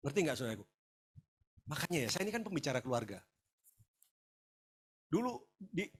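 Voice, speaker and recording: Animated high-voiced pastor. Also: male voice, slightly rough. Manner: animated storytelling, acts out quoted voices, shouts and laughs. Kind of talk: lively conversational sermon.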